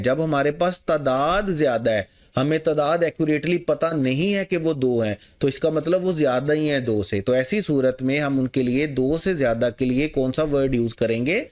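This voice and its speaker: A man's voice: a little high, darkish tone. A man teaching an exam-prep lesson. He poses questions to the class, answers them himself and mixes English terms into his Urdu.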